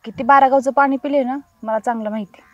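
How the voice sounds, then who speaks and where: A woman's voice: sits high, steady tone, fast talker, dry recording, dull audio, natural voice. An actress playing a chatty, gossipy village woman who cares for a younger friend. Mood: grumbling. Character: talkative village woman, a caring elder friend. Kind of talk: web series acting.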